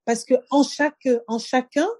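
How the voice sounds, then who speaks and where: A Cameroonian-born woman who recites her own poem in a steady rhythm, then talks earnestly and reflectively, often pausing to find her words. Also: high-pitched. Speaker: poet and guest. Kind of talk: poetry reading then conversation.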